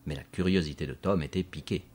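A man narrating a storybook in a measured, scripted audiobook delivery. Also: rumbling low, a little mellow.

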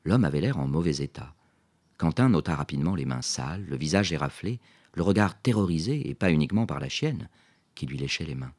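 Male storyteller, deep and expressive, scripted narration. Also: a little fast. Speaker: audiobook narrator.

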